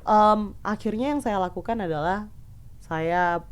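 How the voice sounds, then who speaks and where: A woman in her thirties from eastern Indonesia, a podcast guest telling stories in a lively, casual way and mixing in English words. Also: mid-range voice, measured pace, clear, resonant tone.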